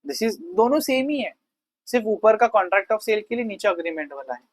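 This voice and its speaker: A male teacher giving a conversational law lecture. He reads definitions slowly, explains them quickly and casually, and keeps asking the class questions. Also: high-pitched, sing-song, dry recording, poor audio. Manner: asks the class rhetorical questions.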